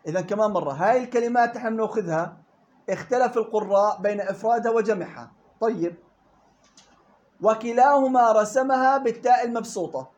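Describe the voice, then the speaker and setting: Levantine arabic guy teaching a recitation class, talks fast, keeps quizzing the students. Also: high-pitched, darkish tone, dull audio. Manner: quizzes students with quick questions, colloquial explanations. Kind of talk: classroom lesson.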